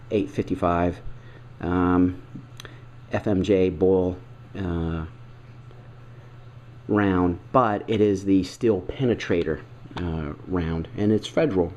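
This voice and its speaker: This low-pitched, slightly mellow male host is unboxing something on video, sounding nasal because of a head cold. He talks casually but keeps stopping for fillers and throat-clearing.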